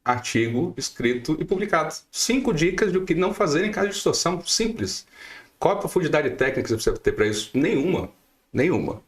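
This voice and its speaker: A man's voice: fairly high pitch, sing-song, a little fast. A middle-aged Brazilian man giving emphatic advice as a guest lawyer on a podcast, firing off rhetorical questions. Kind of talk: podcast interview.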